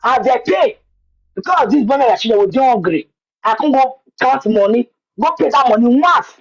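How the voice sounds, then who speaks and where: A woman's voice: fairly high pitch, animated, moderate pace, breathy edge, muffled recording. A woman with a Nigerian accent tells her own story in Nigerian Pidgin, repeating words for emphasis. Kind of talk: personal account in conversation.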